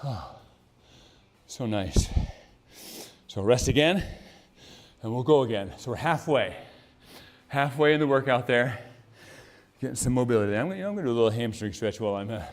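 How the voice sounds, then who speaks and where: A man's voice: medium pitch, expressive, fast. A male fitness trainer coaching a workout, out of breath and exhaling hard between moves, chatty and encouraging. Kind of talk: workout instruction.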